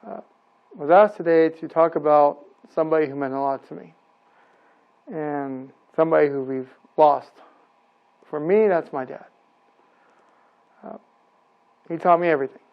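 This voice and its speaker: A man gives a personal testimony in a plain, steady way. His voice sits somewhat high for a man. The audio is muffled and lo-fi. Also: moderate pace, gravelly, long pauses. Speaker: speaker remembering his late father. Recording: dull lo-fi sound.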